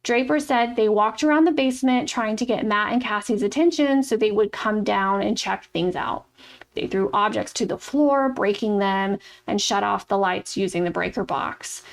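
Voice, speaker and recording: Woman co-host, gravelly edge, blunt casual true crime storyteller. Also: medium pitch, moderate pace. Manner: blunt, casual, swears freely. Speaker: podcast co-host. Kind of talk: true crime podcast narration and chat.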